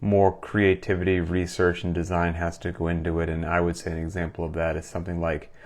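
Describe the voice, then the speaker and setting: A gym owner and coach with a cold, sucking a cough drop, hosts a casual live Q&A for a live stream, enthusiastically reading questions aloud in a conversational way. His low, a little mellow voice moves fairly quickly with a completely flat delivery.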